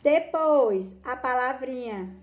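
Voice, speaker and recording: Brazilian woman teacher, high voice, patient and affectionate, drags out key words for kids. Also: expressive, slow, a little mellow. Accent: Brazilian Portuguese. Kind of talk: recorded school lesson for children.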